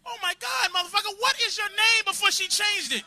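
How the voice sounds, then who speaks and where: A man doing a crude, confrontational stand-up set in a comedy club, bursting into shouts at hecklers. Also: very high voice, fairly quick, a little hiss or hum.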